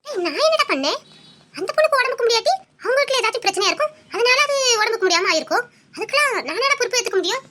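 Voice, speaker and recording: A woman's voice: extremely high pitch, sing-song, very fast, background noise. A woman playing a middle-aged mother who defends herself and then pleads for forgiveness in a family drama skit. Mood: defensive.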